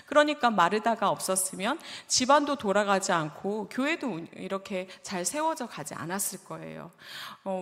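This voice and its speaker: A woman pastor from Jeolla preaches in a gentle storytelling way. She often turns to the congregation with questions. Her mid-pitched voice rings through the long reverb of a church sanctuary. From Jeolla, South Korea. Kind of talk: sermon.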